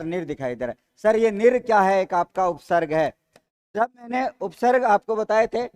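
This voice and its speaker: A man's voice: sits high, darkish tone, clear, resonant tone. A man with a Rajasthani Hindi accent teaching grammar in a live online class, repeating each question and answering it himself while calling viewers "sir". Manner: calls viewers "sir" constantly. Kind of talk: live online class, reading student comments.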